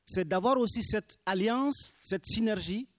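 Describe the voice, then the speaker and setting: In a dry recording, a high-pitched man speaks earnestly and formally, deliberately emphasizing key phrases. He is a spokesman for a small farmers' movement whose first language is Minyanka.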